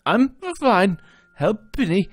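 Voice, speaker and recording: A person voicing a wounded young game character, gasping bravely in halting phrases. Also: medium pitch, lively intonation, no room sound, voice pushed up. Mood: pained, brave. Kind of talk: video game character voice read aloud.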